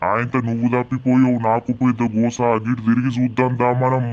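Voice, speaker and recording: A man voicing a calm village man in a cartoon who directs the search in a Telangana Telugu accent. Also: medium pitch, brisk, close to an everyday voice. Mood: directing. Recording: dull lo-fi sound with clear background music.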